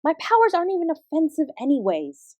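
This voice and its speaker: Playing a warm but defensively composed apsara who works as a dance teacher, a woman performs this audio drama role with a guarded, defiant mood while still instructing and encouraging her class. Her fairly high voice is very animated in intonation and moves at a quick pace. It's recorded in a dry space with no echo.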